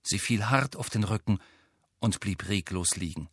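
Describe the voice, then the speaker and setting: Man, audiobook narrator, steady storytelling, bright tone, dry close sound. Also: lowish voice, normal speed, husky, dry recording. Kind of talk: scripted narration.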